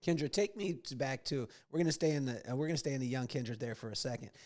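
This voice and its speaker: A man's voice: medium pitch, fast talker, a little mellow. A man hosting a podcast interview, talking loosely, telling stories and restarting his questions. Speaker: podcast host. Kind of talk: casual interview chat.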